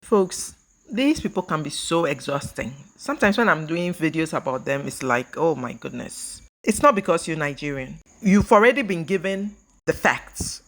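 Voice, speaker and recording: A woman's voice: low-pitched, animated, moderate pace, a bit bright. A woman from Ghana hosting a reaction commentary, exasperated and often laughing scornfully between remarks. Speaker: commentary channel host.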